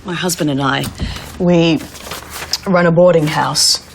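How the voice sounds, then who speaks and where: A chatty boarding-house keeper. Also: female voice, sits low, fairly even intonation, measured pace, a little hiss or hum. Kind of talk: period TV drama acting.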